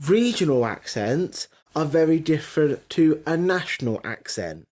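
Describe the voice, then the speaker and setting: A man's voice: fairly high pitch, expressive, unhurried, a little mellow. A man co-hosting a casual podcast, arguing his points emphatically and talking over his co-host. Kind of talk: casual chat.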